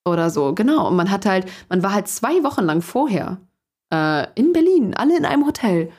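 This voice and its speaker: A woman's voice: medium pitch, very animated, fairly quick, darkish tone. A young adult woman, a singer and guest, chatting loosely in an interview with many fillers and laughs. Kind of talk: casual storytelling interview.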